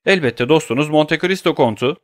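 Here a man narrating an audiobook plays a frightened but indignant middle-aged banker who protests in an agitated, defensive way. The voice runs on the high side, raised above the performer's own, yet it sounds natural and moves at normal speed. The recording is clean studio audio without room sound.

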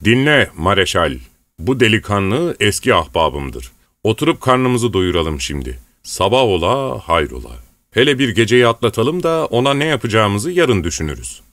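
A man's voice: lowish voice, very animated, normal speed, fairly bright tone. A grand rebel leader, voiced by a male audiobook reader, jokes and gives orders, his voice lifting sharply on teasing questions. The recording is close, dry and has no echo. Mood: cheerful. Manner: joking, commanding. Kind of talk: audiobook reading.

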